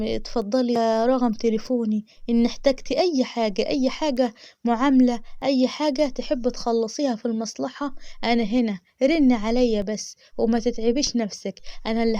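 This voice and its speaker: A woman voicing a polite, flirtatious male office manager with an Egyptian accent, speaking in a smooth, courteous way. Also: on the high side, steady tone, fairly quick, mellow, no echo, lo-fi sound, close to an everyday voice. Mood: obliging.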